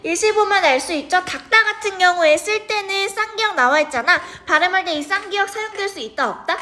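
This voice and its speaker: Young female tutor, high pitch, casual classroom explaining, frequent check-ins. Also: a little fast, sharp tone, soft background music. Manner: chatty, checks in with students often. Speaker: teacher. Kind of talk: grammar lesson to students.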